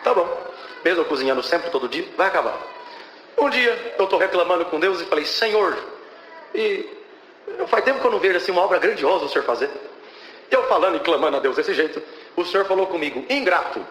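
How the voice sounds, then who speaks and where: Young guy from brazil giving a church testimony, higher voice, keeps praising god, echoey hall. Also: expressive, fast talker, long pauses, a bit bright, a little hiss or hum. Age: young adult. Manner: fervent, interjects praises to God.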